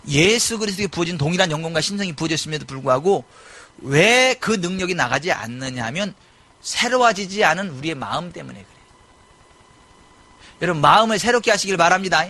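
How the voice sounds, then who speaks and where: A middle-aged male pastor preaching a sermon in a church, animated and given to sudden loud exclamations. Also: sits high. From South Korea. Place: church sanctuary.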